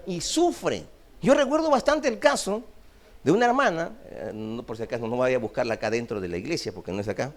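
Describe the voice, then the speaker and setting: A man preaching a sermon as pastor, swinging between loud emphasis and hushed low phrases. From Peru. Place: church.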